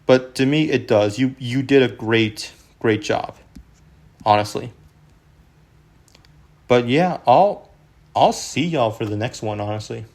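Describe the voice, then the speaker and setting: A young man hosting a casual, rambling book review, full of fillers like "honestly" and "unironically". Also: mid-range voice. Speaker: video host.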